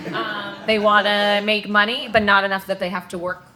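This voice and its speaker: A woman's voice: mid-range voice, little pitch movement, normal speed, pushed and bright. A woman in her thirties, originally from Ukraine, speaking as a company CEO on a conference panel, upbeat, with joking asides and frequent ums.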